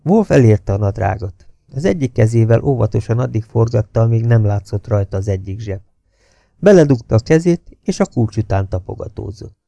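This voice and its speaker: A man narrates a novel in a low, gravelly voice, measured and steady, sometimes sinking to a hush. His tone is dark and mellow. He is recorded close on the mic in a dry, dead room. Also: no echo. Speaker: audiobook reader.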